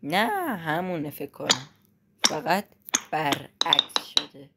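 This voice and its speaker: A woman giving let's-play commentary, anxious and exclaiming in quick repeated words, then talking herself back to calm. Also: sits low. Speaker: gamer playing a climbing game. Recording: loud clicking noise behind voice.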